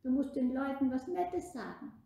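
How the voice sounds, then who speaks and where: Casting: a woman voicing a warm, coaxing old bishop for a kids' story. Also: high-pitched, lively intonation, moderate pace, gravelly, pitched above the performer's own voice. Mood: gentle. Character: kind patient old bishop, gentle teacher. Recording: echoey room.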